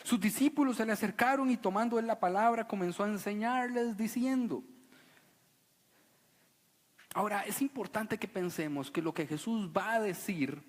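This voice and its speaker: Animated man preaching in a reverberant hall. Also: high voice. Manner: animated preaching, mocks solemn voices. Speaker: pastor. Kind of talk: sermon. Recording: long reverb of a church hall.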